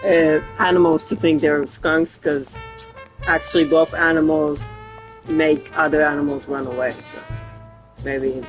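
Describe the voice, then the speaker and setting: A man with a hoarse voice giving rambling, casual commentary as he plays a game. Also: a little high, flat delivery, unhurried, faint music behind, low-quality recording. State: hoarse after recent surgery. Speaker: game streamer.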